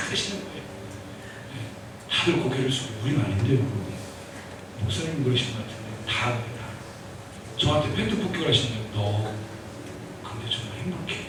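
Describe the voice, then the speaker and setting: A male pastor giving an animated sermon, acting out dialogues and leading the congregation in repeating phrases. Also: high-pitched, heavy background noise. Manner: animated, acts out dialogues with the Lord, calls for repeat-after-me. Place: church sanctuary. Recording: echoey church hall from far off.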